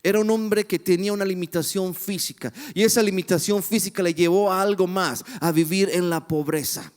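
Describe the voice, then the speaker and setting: A man preaching with passion, his voice pitched notably high for a man. He drives the story forward and keeps asking the congregation rhetorical questions. The sound trails off in the long reverb of a church hall. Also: smooth. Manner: impassioned, dramatic retelling with rhetorical questions to the congregation. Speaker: pastor. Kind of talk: sermon.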